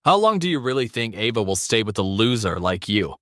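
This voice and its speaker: A man's voice: lowish voice, very animated, brisk, fairly bright tone, no echo, studio quality. A man voicing a smug, mocking young rival in an audio drama. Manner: mocking, condescending. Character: smug scoffing rich young male rival.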